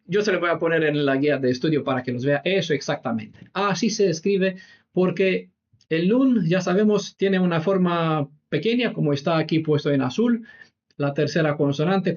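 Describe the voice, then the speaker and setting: A man's voice: sits high, muffled recording. A man teaching a Bible study class in a room with a whiteboard. He explains step by step and keeps checking in with "¿vale?". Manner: explanatory, peppers sentences with "¿vale?".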